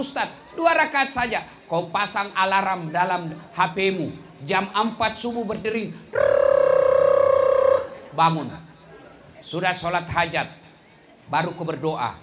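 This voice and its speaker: A middle-aged man preaching a sermon to a live audience, animated, acting out dialogue and swinging between loud and soft. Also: sits high, slight background noise.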